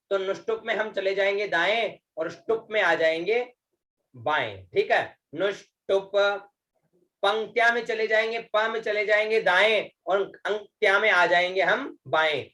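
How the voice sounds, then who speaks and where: In an online Vedic recitation class, a man with a high, bright voice and forceful tone guides his students. His pace is slow and patient; he repeats words, draws out chanted syllables, and keeps using checking fillers to confirm they're with him.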